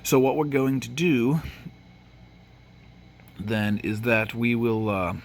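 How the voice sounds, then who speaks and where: A man with a mid-range voice talks slowly over a slight hiss or hum. This gaming channel host from Tennessee has a Tennessee accent and drifts through casual play-by-play full of fillers and restarts, sniffling from allergies.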